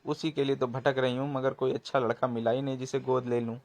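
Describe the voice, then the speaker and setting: A man voicing a cunning, scheming village woman who wails and exclaims loudly in a comic storybook. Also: medium pitch, little pitch movement, fairly quick, lightly acted. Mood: wheedling. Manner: wailing, exclaiming.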